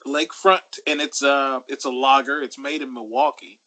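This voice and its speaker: A man, co-hosting a casual chat in an easygoing, halting way. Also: medium pitch, little pitch movement, pushed and bright. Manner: easygoing, halting, laughs often. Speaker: podcast co-host.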